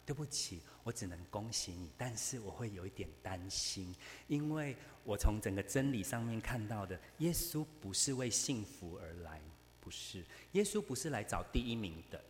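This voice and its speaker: Man preaching in a big echoing hall, animated anecdotal delivery. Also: lowish voice, slight background noise. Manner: animated storytelling, acting out both sides of dialogue. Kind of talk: sermon.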